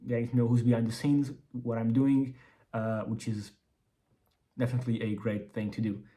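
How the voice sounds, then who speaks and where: Wearing braces that slightly hinder his articulation, a mellow man with a medium-pitched voice talks through a casual business update. He's an entrepreneur vlogger whose speech rambles, with repeated and restarted words.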